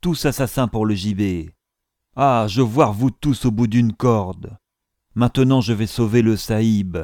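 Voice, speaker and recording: A man's voice: on the low side, a little slow, darkish tone, no room sound, clean studio sound, close to an everyday voice. A man voicing a frantic foreign male servant who pleads urgently in broken, pidgin phrasing. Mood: accusing.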